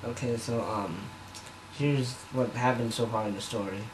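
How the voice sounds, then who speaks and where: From his bedroom, an amateur reader uses a camera mic to record a comic dramatic reading of fan fiction. He speaks at normal speed in a mid-range voice with fairly even intonation, but rambles and trips over words self-consciously. Echo and background noise fill the room.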